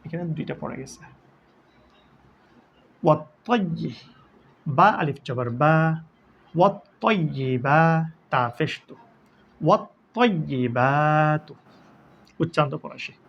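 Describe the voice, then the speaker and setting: A man teaching Quran recitation, spelling letters and vowel marks one by one and then drawing out each word slowly. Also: on the high side, expressive, creaky, fairly bright tone, breathy edge, lo-fi sound. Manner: slow, drawn-out syllable-by-syllable recitation.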